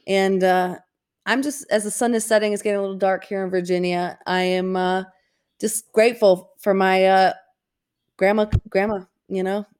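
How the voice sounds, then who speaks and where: A woman co-hosting a casual podcast in an informal, self-deprecating way, with trouble saying her R sounds. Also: fairly low pitch. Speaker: podcast co-host.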